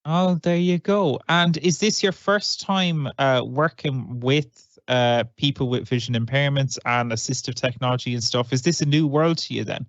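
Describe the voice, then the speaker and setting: A man's voice: medium pitch, normal speed, few pauses, no room sound. A man hosting a podcast, upbeat and conversational as he introduces segments and questions a guest. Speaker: podcast host. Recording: dry, slightly dull lo-fi sound.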